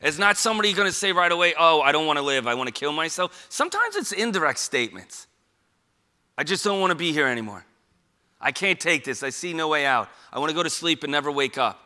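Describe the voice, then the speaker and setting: Speaking fast and with great animation, this middle-aged Queens native talks informally to the public about suicide prevention. His voice is fairly high and sharp, carrying a New York accent. The delivery is chatty yet emphatic, full of rhetorical questions.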